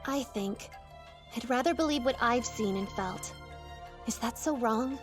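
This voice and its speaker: A woman voicing a firm, high-voiced girl soldier. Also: a little slow, faint music behind, natural voice. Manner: firm, matter-of-fact. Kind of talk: anime English dub acting.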